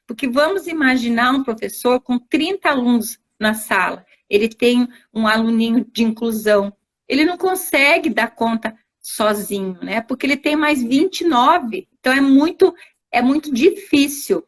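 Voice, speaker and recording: Woman, teacher, didactic, example-driven, tag questions, somewhat high pitch. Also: moderate pace. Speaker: teacher, invited guest. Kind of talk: explanatory interview answers. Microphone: video call on a live stream.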